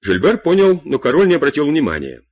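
Male audiobook narrator, expressive, husky, dry studio sound. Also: fairly high pitch, fast, no room sound. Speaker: audiobook reader.

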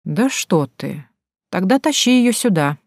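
A woman's voice: medium pitch, big pitch swings, measured pace, no room sound, studio quality. A woman voicing a sly, mocking male sorcerer in a storybook reading.

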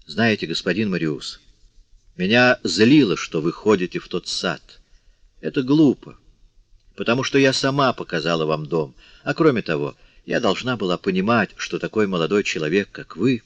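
A man's voice: low voice, animated, moderate pace, no echo. A dying young woman, as a man reads her. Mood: tender, wistful. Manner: faint, fading speech. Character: dying young woman, weak, tender, devoted. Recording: dry, slightly dull audiobook recording.

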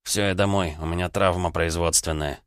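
A man's voice: low-pitched, steady tone, brisk, clean tone, dry recording, natural voice. A man voicing a wry, sarcastic young police officer in an audiobook. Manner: dry, sarcastic.

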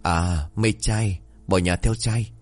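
A man's voice: deep voice, steady tone, slow pace, soft background music. Sassy spoiled daughter, a man doing her. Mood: teasing. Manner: teasing, sassy. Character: cheeky spoiled teenage daughter.

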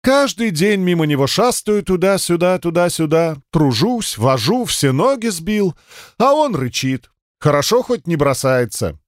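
A man's voice: a little high, big pitch swings, a little slow, no echo, clean studio sound, voice pushed up. Man doing a chatty messenger god. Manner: chatty, wry.

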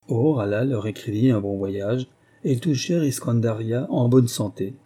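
A man reads a classic storybook tale in a measured, steady way. His voice is very dark and mellow, with a husky edge. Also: mid-range voice. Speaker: audiobook narrator. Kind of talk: storybook narration.

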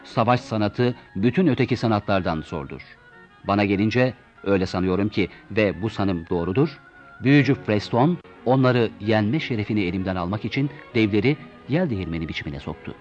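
A man voicing a grandiose, deluded old knight who declaims loudly. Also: on the low side, lively intonation, fairly quick, lightly acted. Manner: bombastic, declaiming, shouting. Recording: dull lo-fi recording with soft music.

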